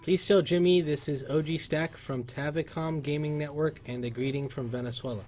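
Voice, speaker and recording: A man hosting a casual livestream, reading viewer comments and chatting loosely, with sudden loud shouts of excitement. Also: on the high side, moderate pace, faint music behind. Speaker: livestream host. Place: PC workshop.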